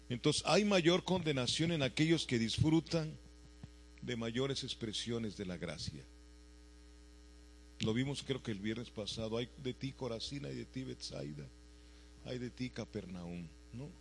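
A male preacher delivers a sermon to his congregation, his voice pitched in an ordinary middle range. He peppers the room with rhetorical questions and swings from loud, emphatic lines to quiet, low ones. A faint mains hum sits beneath the recording. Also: gravelly.

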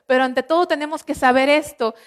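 A high-pitched woman with a Mexican Spanish accent delivers a sermon. She teaches earnestly, poses rhetorical questions to her listeners and draws out the scripture verses slowly. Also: steady tone. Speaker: preacher.

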